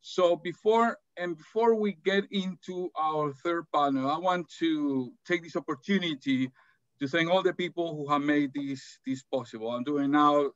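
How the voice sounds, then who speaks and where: A man's voice: fairly high pitch, normal speed, no echo. A middle-aged man from El Salvador moderating and presenting in an academic webinar, speaking hesitantly with many fillers and restarts, from an office over a video call. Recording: dull, dry video call audio.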